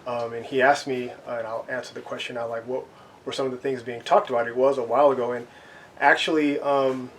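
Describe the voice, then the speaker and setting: Man, convert introducing himself; flat, level delivery, lots of fillers, faint room noise. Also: medium pitch, a little fast, poor audio. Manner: rambling, many fillers. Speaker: convert attending a Q&A. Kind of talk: self-introduction.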